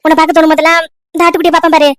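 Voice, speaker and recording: A woman's voice: extremely high pitch, level tone, racing, a bit bright, dry recording, studio quality. A woman voicing a cheerful young village girl who chatters eagerly and coaxes her uncle in a cartoon love story. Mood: chatty. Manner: chatty, coaxing.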